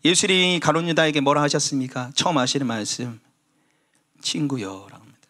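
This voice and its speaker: A male pastor delivers a Sunday sermon in a fairly high voice. He preaches with animation, rising for emphasis and sinking into soft, pleading tones. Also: fairly quick. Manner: animated preaching, dropping to hushed tones when voicing Jesus's pleas.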